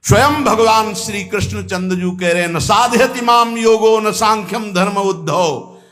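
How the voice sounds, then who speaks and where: A man giving a devotional sermon, speaking deliberately and breaking into sung verses. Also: high voice, a bit bright. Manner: slow, chants Sanskrit verses in a sung tone. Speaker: spiritual preacher.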